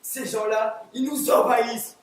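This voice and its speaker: A teenage boy in an amateur stage play, acting a crude, hot-headed, bigoted male juror who rants and shouts. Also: very high-pitched, fairly even intonation, moderate pace. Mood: ranting. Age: teens. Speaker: student actor. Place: theatre stage, live performance. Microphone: distant room mic. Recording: echoey theatre from far off.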